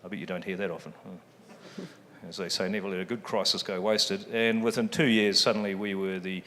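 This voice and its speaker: A fund chief executive with a New Zealand accent speaks on a panel at a public forum, joking at his own expense and dropping plenty of ums. His low voice stays fairly even in intonation, runs a little fast, and sounds pushed and bright. The large event hall gives the recording a long reverb.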